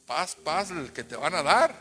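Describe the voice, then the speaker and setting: A man's voice: a little high, sing-song, measured pace, sharp tone, faint music behind. A man preaching a sermon as pastor, emphatic and calling the congregation to repeat after him. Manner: emphatic, calls for responses. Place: church. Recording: long church reverb.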